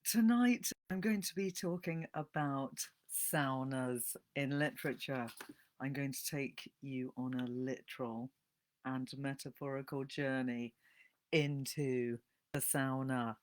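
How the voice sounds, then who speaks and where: A woman, giving a casual, animated live-stream talk on books and greeting viewers as they join. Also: extremely low pitch, slow. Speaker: bibliotherapist hosting a live book talk.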